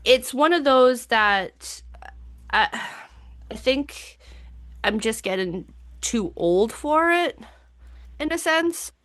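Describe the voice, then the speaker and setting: A woman co-hosts a podcast, chatting loosely about sports and news. Her voice is bright and forward. She swears freely, restarts her sentences and fights through the hiccups. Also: sits high, expressive, slow pace, long pauses. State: has the hiccups. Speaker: podcast co-host. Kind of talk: casual chat.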